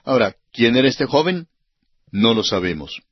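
A man's voice: medium pitch, very animated, normal speed, slightly rough, dry recording, highs cut off. A man giving a radio Bible study sermon who reads scripture and speaks earnestly and directly to the listener.

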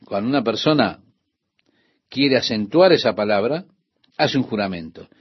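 A man's voice: mid-range voice, animated, moderate pace, slightly rough, dull audio. A man giving an earnest radio Bible teaching, speaking straight to the listener. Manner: earnest, addresses the listener directly.

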